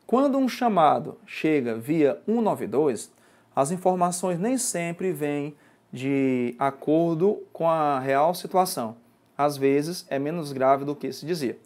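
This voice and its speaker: A Brazilian-accented male teacher walks through grammar rules for an exam-prep class. His voice sits on the higher side for a man, and he keeps checking that the viewer follows. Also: animated, slow pace, darkish tone. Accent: Brazilian Portuguese. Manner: explanatory, often checking in with "certo?" and "ok?". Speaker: Portuguese language teacher.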